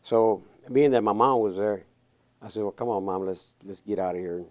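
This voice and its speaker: Older Texan veteran, mellow low voice, halting storyteller. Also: male voice. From Texas. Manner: plain, halting recounting with fillers. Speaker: veteran interviewee. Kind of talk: oral history recollection.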